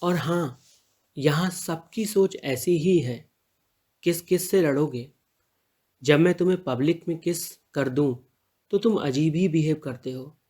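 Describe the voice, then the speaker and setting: A man reading the part of a male truck driver in an audio story, calm and reassuring toward his partner. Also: fairly high pitch, a little slow, slightly rough. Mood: tender. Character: male truck driver, protective and teasing lover.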